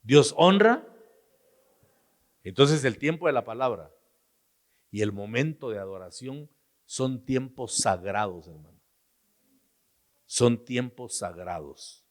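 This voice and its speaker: A man with a Guatemalan Spanish accent preaching a sermon as pastor, moving between hushed asides and sudden loud, high outbursts. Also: expressive, a little slow, pauses often, big-room sound.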